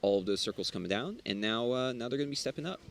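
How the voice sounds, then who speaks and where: Fast-talking male game caster. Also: medium pitch, expressive. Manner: casual, explains step by step with fillers and restarts. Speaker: stream co-host and caster. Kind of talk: live game commentary.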